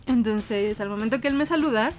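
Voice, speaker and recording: A woman co-hosting a casual chat, telling a story with lively acted-out voices and frequent laughs. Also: fairly high pitch, brisk, soft background music. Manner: animated, acts out quoted voices, laughs often. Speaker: podcast co-host.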